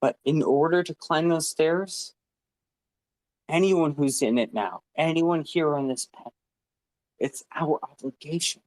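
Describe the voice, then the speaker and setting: A man's voice: a little high, no room sound, low-quality recording. A man speaking as a guest on a live online audio panel, passionate, profane and rambling. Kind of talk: impassioned live audio-room talk. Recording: online audio-room stream.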